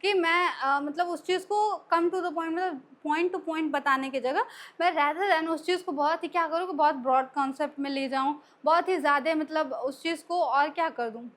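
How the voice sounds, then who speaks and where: Woman, high voice, English teacher explaining phrases patiently, keeps checking understanding. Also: moderate pace, a bit bright. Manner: explanatory, repeats "ठीक है" often. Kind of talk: spoken English lesson in Hindi.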